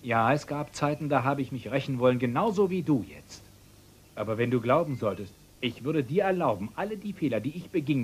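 A man's voice: mid-range voice, a little hiss or hum, natural voice. An actor dubbing a middle-aged father who talks earnestly to his grown son in a soap opera. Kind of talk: German-dubbed soap opera acting.

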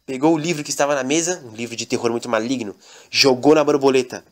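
A man's voice: mid-range voice, fast. A man telling an absurd comic story in a mock-dramatic, repetitive storytelling manner.

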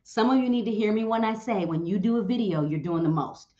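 A woman giving social media advice to an audience, talking in a direct, teasing and animated way. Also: medium pitch, brisk. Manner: animated, direct, teasing, acts out quoted voices. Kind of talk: motivational talk to an audience. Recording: roomy, slightly dull sound.

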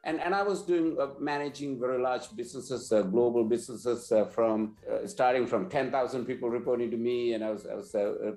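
A man's voice: mid-range voice, steady tone, brisk, hardly any pauses, mellow, roomy sound, faint music behind. A man in his forties from Sri Lanka, an earnest business leader interviewed over a video call, often repeating words as he restarts. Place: indoor office, plain wall. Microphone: video call webcam.

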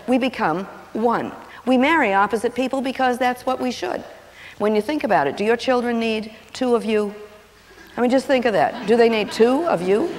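Animated woman teaching in an echoing hall. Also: a little high. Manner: animated, acts out quotes in changing voices. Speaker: seminar speaker on personality and marriage. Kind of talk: lively teaching talk with stories. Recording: long hall reverb on an old videotape.

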